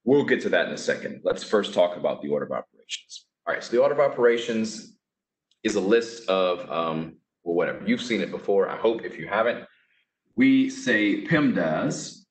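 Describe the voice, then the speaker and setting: A man's voice: low-pitched, animated, normal speed. A man teaching a casual math lesson, talking through each step with chatty, offhand asides. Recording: echoey room.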